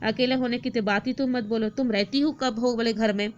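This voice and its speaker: A woman's voice: fairly high pitch, fairly even intonation, brisk, muffled recording, a little hiss or hum, lightly acted. A woman teacher voicing a worried widowed mother who talks wearily and sadly. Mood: weary. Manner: weary, sorrowful.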